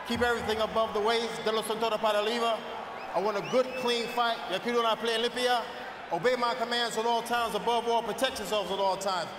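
High-pitched referee, echoing arena. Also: male voice, steady tone. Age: middle-aged. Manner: brisk, firm commands. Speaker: boxing referee. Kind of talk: pre-fight instructions, alternating English and Spanish. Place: large indoor arena, in the ring. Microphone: handheld microphone. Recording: distant echoey arena PA, crowd noise.

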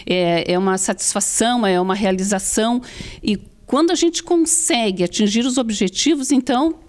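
A middle-aged woman with a southern Brazilian gaúcho accent talks as an interview guest in a small indoor TV studio, using a handheld microphone. Her voice is on the high side and a little mellow, at normal speed, in conversational interview talk.

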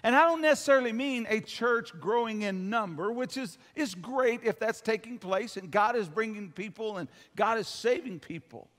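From a church hall stage, an older man delivers a sermon in a high, slightly bright voice at normal speed, with few pauses. Folksy and emphatic, the pastor draws amens from the congregation as the hall's long reverb trails his words.

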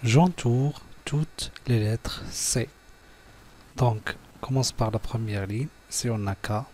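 Brief: patient male schoolteacher, unhurried, correcting a workbook page for small children. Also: medium pitch, a little mellow, slight background noise. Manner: patient, spells letters and syllables one by one. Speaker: teacher. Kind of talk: slow classroom exercise walkthrough.

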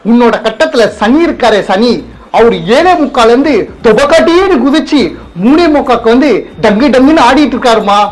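A man's voice: very high voice, fairly quick, rough recording. A man playing a fake astrologer who puts on a solemn, wheedling tone. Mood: mock-solemn. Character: fake male astrologer, smooth-talking swindler. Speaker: comedy sketch actor. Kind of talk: comedy skit acting.

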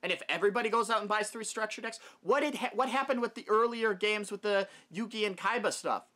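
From a small wood-paneled room in his home, a young adult video host gives his opinions to camera casually and emphatically. His high-pitched voice is quick, pushed, and bright.

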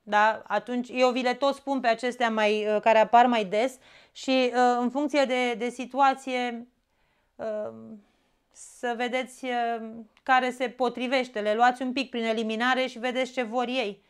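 This woman speaks with a Romanian accent, a fairly high pitch, flat delivery and a clean tone. She's giving an exam-prep grammar lesson, explaining step by step and often checking in with a quick "da?".

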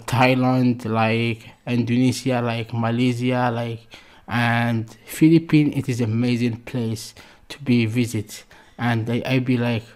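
This reaction video host, a man in his thirties, speaks with a medium-pitched, darkish, clean-sounding voice. He has an Algerian accent and non-fluent English, gushing casually and repeating words and phrases often.

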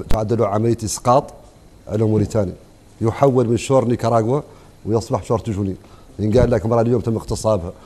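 Mauritanian man, panel guest, rapid, insistent, low and mellow, faint room noise. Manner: fast, insistent, interjects "hnini" to hold the floor. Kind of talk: panel debate on television.

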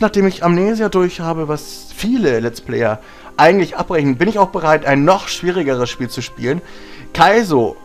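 A man hosting a casual gaming video blog, slightly hoarse from a sore throat, talking in an informal, blunt, rambling way. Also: on the high side. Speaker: gaming channel host.

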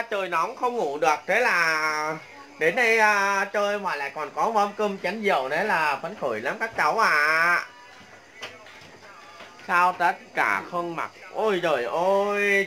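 A woman's voice: on the low side, bright, forceful tone. An older woman hosting a casual livestream vlog, chatting and greeting viewers by name. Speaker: vlog host.

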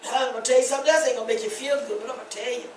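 An older woman pastor preaching a testimony sermon, rising to shouts and laughing. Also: fairly high pitch, fairly even intonation, very fast, very noisy. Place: church. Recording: echoey church from far off.

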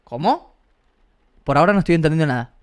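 Excitable young gaming streamer. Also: male voice, fairly high pitch, fast. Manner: excitable, joking, swearing. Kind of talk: casual let's-play commentary.

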